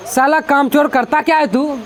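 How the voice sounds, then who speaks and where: A man voicing a harsh, bullying teenage boy who curses and threatens in a rough scolding tone while retelling a story to his class. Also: very high-pitched, steady tone, normal speed. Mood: threatening.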